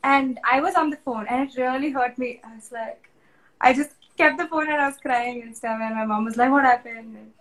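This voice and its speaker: A woman's voice: fairly high pitch, moderate pace, a bit bright, low-quality recording. A young woman with an Indian English accent, sharing a personal faith testimony in an interview, earnest and conversational with many fillers. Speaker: interview guest.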